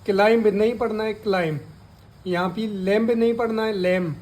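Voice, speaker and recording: A man's voice: high voice, fairly even intonation, a little mellow, low-quality recording. A man teaching a lesson, spelling out letters one by one and asking and answering his own questions. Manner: repeats key words and asks then answers his own questions; deliberate, drawn-out spelling of letters. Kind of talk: slow spoken lesson.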